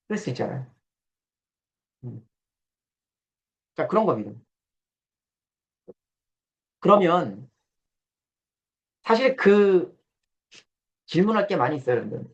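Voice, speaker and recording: A man lectures a small room in a loose, joking way, with a lively voice that swings up and down. He is slightly high-pitched and blunt, and he teases his listeners with questions. The recording sounds dull and lo-fi. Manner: blunt and teasing, questions the audience; acts out quoted voices with coarse banter. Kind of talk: casual classroom lecture.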